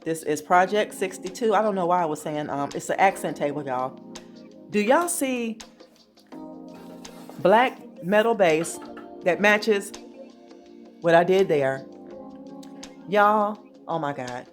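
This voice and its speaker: A woman vlogging from her home office, chatty and excited, calling her viewers "y'all". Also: fairly low pitch, slow, long pauses, faint music behind. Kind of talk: casual chat.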